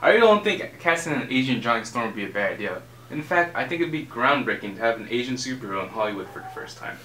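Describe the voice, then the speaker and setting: A man's voice: medium pitch, sing-song, fast, pushed and bright. A young man acting in an amateur student skit as an indignant actor who pushes back at an audition. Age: young adult. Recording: roomy, distant, faint noise.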